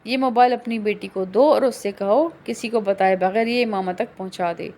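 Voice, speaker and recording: A woman's voice: medium pitch, steady tone, a little mellow, lightly acted. A woman voicing a curt, domineering rich young man in an audiobook reading of a novel, speaking in a cold, dismissive, threatening way.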